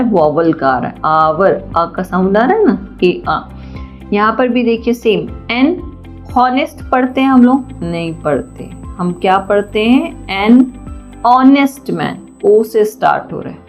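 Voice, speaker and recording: A woman teaching a children's grammar lesson, patient and deliberate, often asking questions and answering them herself. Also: medium pitch. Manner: slow and deliberate. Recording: dull lo-fi sound, faint music.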